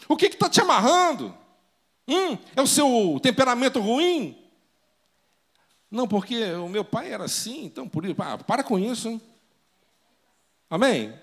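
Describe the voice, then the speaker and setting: A man's voice: extremely high pitch, breathy edge. A man preaching a sermon as pastor, dramatic and full of rhetorical questions.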